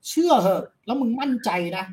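Male philosophy lecturer guest, rapid-fire, blunt and crude, lectures with confidence. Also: very high-pitched, sing-song, a little mellow. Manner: blunt, uses crude casual speech. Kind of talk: casual chat interview.

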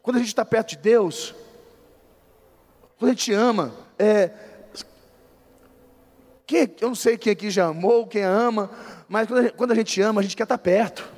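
High-voiced man preaching in a reverberant hall. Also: normal speed, pauses often, a little mellow. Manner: emphatic, repeats phrases for stress. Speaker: bishop preaching. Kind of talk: sermon.

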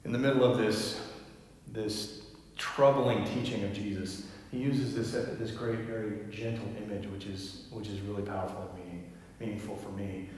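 Man, pastor, gentle reflective sermon, soft quiet endings, very echoey, distant from the mic. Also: lowish voice, steady tone, normal speed, slight background noise. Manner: gentle, reflective, drops to quiet near-whispers. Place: large church sanctuary. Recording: echoey hall, voice from far off.

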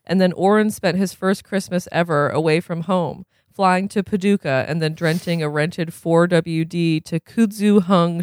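A man's voice: high voice, clean tone, dry recording, clean studio sound. A man, as a podcast host, reads a novel aloud expressively and then breaks off for casual chat full of fillers.

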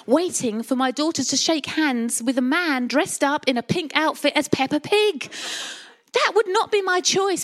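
A middle-aged woman with an Essex accent giving a sermon, chatty and colloquial, with personal stories and rhetorical questions. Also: high voice. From Essex, England. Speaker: church preacher.

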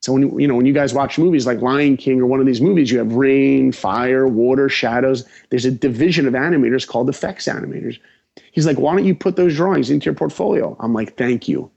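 A man from New York, a guest animator, telling his story with lively acted-out dialogue. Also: medium pitch, brisk, vocal fry, dull audio.

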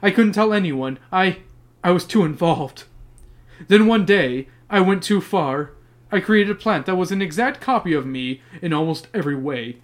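A podcast host reading the lines of an earnest, sheepish father scientist slowly and with mock gravity. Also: mid-range voice, expressive, close to an everyday voice. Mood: grave. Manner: slow, earnest, dramatic delivery with mock gravity.

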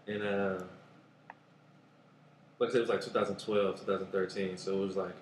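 A man with a Bay Area accent, a rapper talking casually in an interview, laid-back and rambling, often trailing off quietly. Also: low-pitched, level tone, a little fast, reverberant, a little hiss or hum. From Oakland, California. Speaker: guest rapper.

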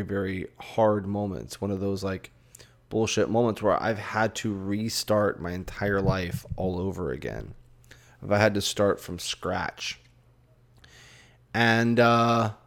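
A tired young man talking frankly and rambling on his own podcast, swearing and restarting his sentences often. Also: lowish voice. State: tired, yawning. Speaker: podcast host. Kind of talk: casual solo podcast monologue.

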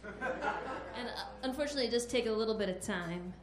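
A playful woman banters on stage at a live comedy show, then rants in a mock yell. Her voice is fairly high, and the room adds a roomy echo with a faint hiss. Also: fairly quick. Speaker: co-producer. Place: stage in an echoey venue. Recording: echoey live venue.

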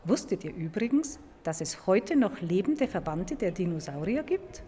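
Speaking at a moderate pace with big pitch swings, a mid-range female paleontologist teaches science in a clear, emphatic, repetitive way. She is in a large museum hall, and the recording is reverberant with background noise.

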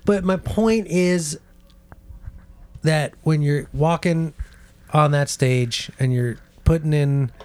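A man co-hosting a comedy podcast, rambling and halting through deadpan absurd riffs. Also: on the high side, clear, resonant tone, dry recording. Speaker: podcast co-host. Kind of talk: comedic banter.

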